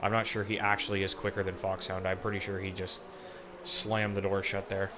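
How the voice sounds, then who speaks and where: A man's voice: low voice, completely flat delivery, a little fast, background noise. A man doing live, casually phrased motorsport commentary on an online race as the lead commentator. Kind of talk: live sim racing commentary.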